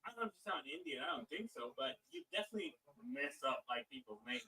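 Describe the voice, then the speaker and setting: A man chatting on a live stream as sideline reporter, his voice high and swinging widely in pitch. He teases and chuckles through casual banter. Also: sing-song, fast, bright, forceful tone, husky, low-quality recording. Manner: teasing, chuckling.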